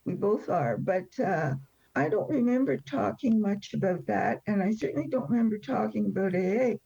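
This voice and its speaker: On a dull, lo-fi recording, a woman in her seventies who was born in France tells personal stories as an interview guest in a candid, wry, emphatic conversational style. Her medium-pitched voice is expressive, creaky, warm and husky, moving at a moderate pace.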